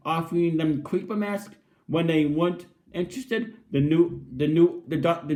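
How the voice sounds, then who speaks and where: A man with a fairly high-pitched voice reviews a wrestling show in a casual, off-the-cuff way. He sounds like an enthusiastic fan walking through each segment. His delivery is halting, with frequent repeated words and restarted phrases. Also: a little mellow. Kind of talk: casual spoken episode recap and review.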